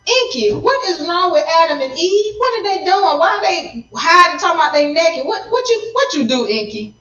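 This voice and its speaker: A woman's voice: extremely high pitch, sing-song, moderate pace, a bit bright, reverberant, recorded from a distance, lo-fi sound, faint music behind, voice pushed up, heavily acted. A woman voicing an angry male god who scolds his brother with accusing questions. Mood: puzzled. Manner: accusing, repeating questions with rising outrage. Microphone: phone.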